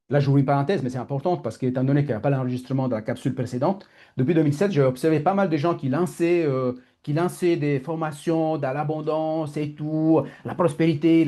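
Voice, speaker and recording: A man with an Italian accent tells a personal story to his students, quick and rambling, often correcting himself mid-sentence. His voice is mellow and warm, set in a middle register. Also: mid-range voice. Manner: fast, rambling, self-correcting. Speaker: personal growth teacher. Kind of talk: candid storytelling talk.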